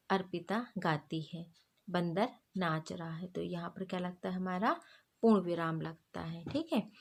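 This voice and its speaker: A woman teacher with an Indian accent reads a grammar lesson aloud to her students, explaining each point step by step and mixing English words into her talk. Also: mid-range voice.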